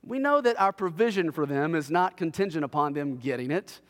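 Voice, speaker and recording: A man preaching a sermon, telling a family story in an animated way with a sarcastic edge. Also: a little high, a little fast, long reverb tail. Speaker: pastor.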